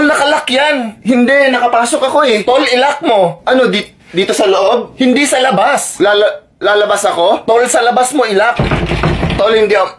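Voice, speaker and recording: Higher-pitched man in a bickering skit. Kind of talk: comedy skit.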